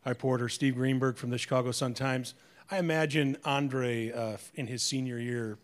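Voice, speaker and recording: A man, a newspaper reporter, asking a question from the audience at a press conference, phrasing it haltingly. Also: medium pitch, fairly even intonation.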